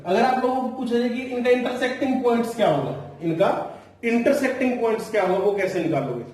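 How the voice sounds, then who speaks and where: गूंजते कमरे में दूर से बोलता ऊँची आवाज़ वाला पुरुष गणित शिक्षक, फ़ॉर्मूले धीरे-धीरे लिखवाता हुआ. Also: male voice, very high-pitched, expressive, darkish tone. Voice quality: explains step by step, repeats key phrases, slows down to dictate formulas. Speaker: math teacher. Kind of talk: classroom math lecture. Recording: very echoey room, voice from a distance.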